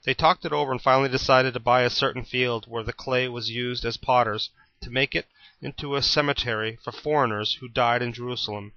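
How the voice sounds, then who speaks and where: A man reads scripture aloud with a bright, forward tone. His delivery is steady and plain, like a storyteller. The recording is dry and slightly dull. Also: mid-range voice, a little fast, dry recording. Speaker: Bible reader. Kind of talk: scripted Bible reading.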